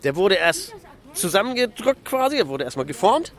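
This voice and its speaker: Middle-aged man, city guide, lively and proud, pitched high, outdoors on a square. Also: moderate pace. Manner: cheerful, proud, lively explaining. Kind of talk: explaining to a group of kids.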